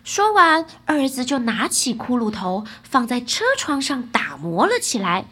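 A woman narrating a children's bedtime fairy tale in a lively, expressive way. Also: on the high side, a little slow, breathy edge. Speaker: storyteller.

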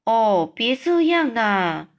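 A woman voicing a huge, gentle, friendly male giant in a storybook read-aloud, talking in a raised, fussy, complaining tone. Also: a little high, sing-song, slow pace, exaggerated voice.

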